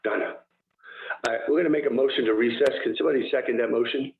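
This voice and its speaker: A man's voice: mid-range voice, fast, reverberant, slight background noise. A man chairing a council meeting in informal spoken language, heard over tinny, phone-like call audio.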